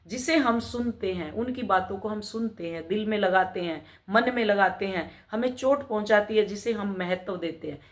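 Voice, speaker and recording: Woman, middle-aged, spiritual mentor, preachy, rhetorical questions, medium pitch. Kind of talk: motivational spiritual talk.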